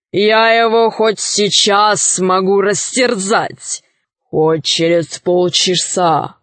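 A woman voicing an unhurried, smug many-headed dragon with a slow, drawling manner. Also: fairly low pitch, no echo, pitched below the performer's own voice.

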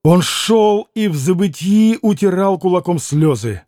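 Male audiobook narrator, high voice, dramatic, dry studio sound. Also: measured pace, dry recording. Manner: expressive, dramatic reading.

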